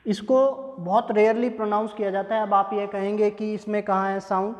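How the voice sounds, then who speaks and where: A man teaching English pronunciation in a classroom-style lesson, speaking deliberately and repeating example words so they can be drilled. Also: sits high, level tone. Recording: echoey room with long reverb.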